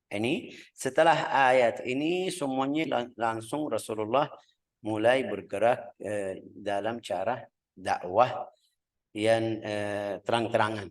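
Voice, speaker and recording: Guy from yemen teaching a religious class, lots of ums, acts out the story lively. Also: lowish voice, slow, rough recording. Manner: hesitant, with many filler sounds while searching for words; animated storytelling that acts out calls and dialogue. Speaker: Islamic studies teacher. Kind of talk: religious lesson on the Prophet's life, with Arabic recitation.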